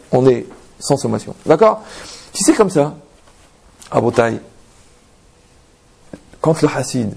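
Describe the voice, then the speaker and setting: Gravelly, husky-voiced man teaching a religious talk. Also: medium pitch. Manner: lively storyteller, rhetorical questions, frequent "d'accord?". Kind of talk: anecdotal religious talk to an audience.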